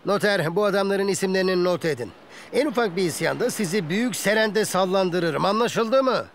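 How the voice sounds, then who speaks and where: A man's voice: high voice, a little fast, a little hiss or hum. A man voicing a stubborn, proud male admiral in a dubbed cartoon, giving commands in a haughty way. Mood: commanding. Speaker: ship admiral. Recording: music behind the voice.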